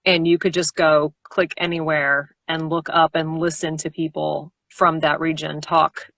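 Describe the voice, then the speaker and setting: A woman audiobook narrator chatting casually about her work on a live stream, animated and quick to laugh. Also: sits low, creaky, no room sound. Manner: animated, laughs often, jumps into character voices.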